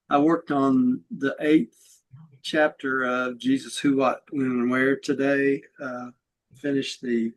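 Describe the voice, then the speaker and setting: A man leading a study-group class, talking casually and rambling as he explains a reading, with fillers and self-corrections and his distance from the mic shifting. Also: mid-range voice. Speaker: host and teacher. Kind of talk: conversational study-group teaching.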